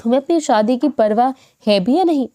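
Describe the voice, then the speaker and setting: A woman voicing a stern, harried middle-aged mother who scolds her daughters in a sharp tone. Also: a little high, animated, close to an everyday voice. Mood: scolding.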